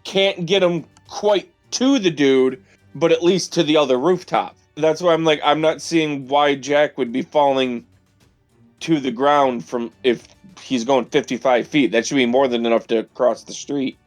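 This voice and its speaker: A man's voice: medium pitch, measured pace, faint music behind. A man chatting as a player at a tabletop game, reasoning through a question aloud. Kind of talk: casual tabletop game chat.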